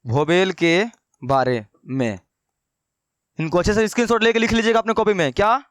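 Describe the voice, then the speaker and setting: Brief: male tutor, high and smooth voice, dry close sound, asks his own questions and repeats points. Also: no echo. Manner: slows down to dictate notes. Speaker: English teacher. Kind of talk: online grammar lesson.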